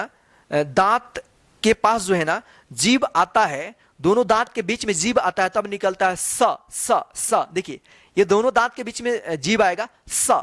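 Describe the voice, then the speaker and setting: In a slow classroom explanation of the Hindi alphabet, a man keeps quizzing his audience and demonstrates each sound by repeating it. His voice is high-pitched with a fairly bright tone, and the recording has no echo.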